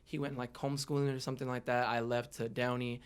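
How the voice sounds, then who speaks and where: A quick-paced young man with a clean, medium-pitched voice shows little pitch movement. He's from the Los Angeles area and has a Southern California American accent, openly and informally narrating his own life with slang as a guest on a podcast.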